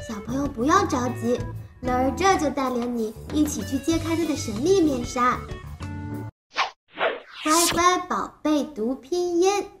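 A woman's voice: high-pitched, lively intonation, a little slow, music in the background. A woman voicing a cheerful, child-like little cartoon creature who teaches phonics, talking simply and encouragingly as if reading to a toddler. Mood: playful, teaching. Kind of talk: animated lesson for small children.

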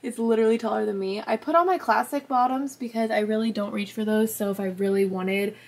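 A woman's voice: on the high side, steady tone, fairly quick, reverberant. A woman in her twenties, a lifestyle vlogger, chatting casually and upbeat while organizing her bedroom closet, filmed on a camera close by. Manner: chatty, upbeat, lots of "like" and "literally". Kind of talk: casual vlog narration. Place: small bedroom with closet, indoors.

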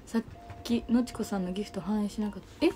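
A woman's voice: mid-range voice, steady tone, fast, warm tone, soft background music. A young woman with a Kansai Japanese accent hosting a casual livestream, chatting and answering viewer comments. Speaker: livestream host.

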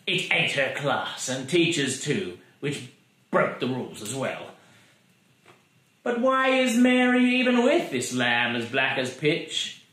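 Beside a living room fireplace, a thirtysomething man performs comic poetry with dramatic, mock-solemn flair. He has a medium-pitched, sharp-toned voice, captured with roomy camera sound.

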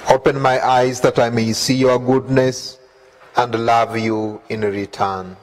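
Slow, reverent male prayer leader. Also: medium pitch, little pitch movement, low-quality recording. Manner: slow, reverent, measured reading. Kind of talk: devotional reading of the Way of the Cross.

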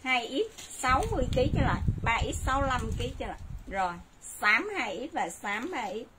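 On a noisy live sales stream, a brisk, animated saleswoman with a higher voice sells clothing. She addresses viewers directly and keeps repeating sizes and prices.

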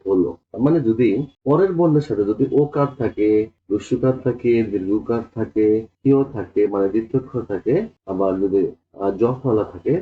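A man with a Bangladeshi Bengali accent, teaching a lesson, explaining step by step and slowly repeating vowel sounds. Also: fairly low pitch. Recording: tinny phone-like audio.

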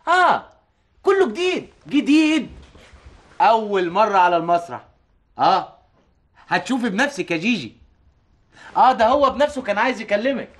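An actor playing a brash, smooth-talking stage director with an Egyptian accent. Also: male voice, sits high, brisk, pauses often, natural voice. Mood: wheedling. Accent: Egyptian Arabic. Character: flashy, scheming male stage director. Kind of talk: TV drama acting.

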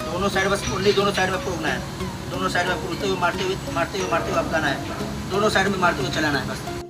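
A man's voice: high-pitched, steady tone, quick pace, loud music behind the voice. A young man with an Indian accent teaching welding step by step, repeating each instruction, recorded on a workshop floor. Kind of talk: hands-on tutorial.

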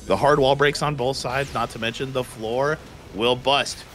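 A man's voice: medium pitch, steady tone, moderate pace, fairly bright tone. A man calling live fighting game play-by-play in a playful, slangy, exclamatory way. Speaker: esports tournament commentator. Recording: music behind the voice.

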